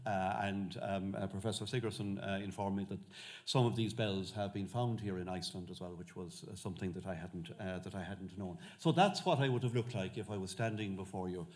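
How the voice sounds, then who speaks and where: Halting Irish lecturer, lower-pitched man. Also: darkish tone. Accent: West of Ireland. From Ireland. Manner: halting, frequent um and uh pauses. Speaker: guest lecturer, Benedictine monk. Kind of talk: informal public history lecture.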